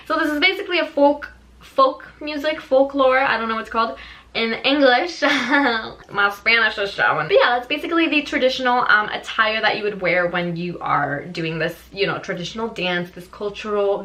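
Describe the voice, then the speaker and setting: A young woman from Venezuela telling a casual storytime to her viewers, chatty and animated, laughing often and filling her talk with "like.". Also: on the high side, rough recording. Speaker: vlogger.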